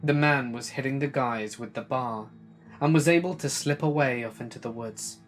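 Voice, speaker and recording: A man narrating a first-person scary story in an earnest, steady way, over faint music. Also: mid-range voice, normal speed.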